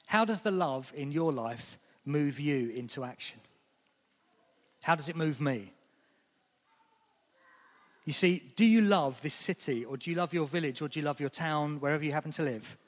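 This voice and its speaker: A man in his thirties preaching a sermon in a church, chatty and lively with friendly asides. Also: a little high, moderate pace, long pauses. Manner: lively, conversational, with asides and light laughs. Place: church hall. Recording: long echo of a church hall.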